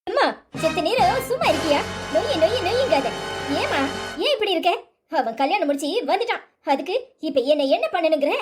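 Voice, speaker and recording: A woman's voice: extremely high pitch, animated, brisk, music in the background. A woman voicing a hurt but firm young woman student in a cartoon, exasperated, with a Tirunelveli Tamil accent.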